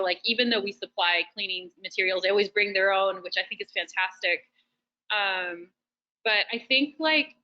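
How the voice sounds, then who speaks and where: A woman's voice: medium pitch, bright, forceful tone, muffled recording. A woman chatting casually as host of an online session, full of fillers and restarts. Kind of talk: casual webinar chat. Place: shared roasting facility.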